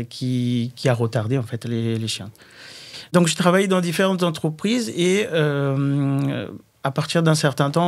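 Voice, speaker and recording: A man, a food entrepreneur, tells his story in an interview. His pitch sits in the middle range, and he pauses often, filling the gaps with small connecting words. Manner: halting, fillers like "en fait". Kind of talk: interview answer.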